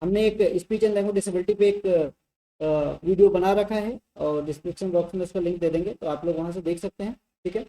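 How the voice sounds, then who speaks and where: A woman's voice: lowish voice, normal speed, warm tone, low-quality recording. A woman teacher giving a conversational exam-prep lecture, checking in with listeners often and explaining through spoken examples.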